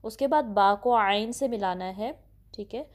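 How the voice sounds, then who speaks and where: एक महिला शिक्षिका, जो धैर्य से धीरे-धीरे तजवीद का उच्चारण सिखाती है और अक्षरों को बार-बार दोहराती है।. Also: female voice, medium pitch, darkish tone. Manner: patient, repeats syllables slowly, often says "okay". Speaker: Quran recitation teacher. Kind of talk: slow step-by-step pronunciation lesson.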